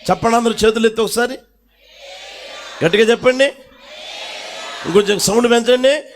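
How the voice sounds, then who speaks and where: Male preacher, very high pitch, emphatic congregation-led sermon delivery with shouted peaks. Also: brisk, some chatter behind, a little hiss or hum. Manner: emphatic, calls out questions to the congregation; swings between shouted emphasis and low asides. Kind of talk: Telugu church sermon.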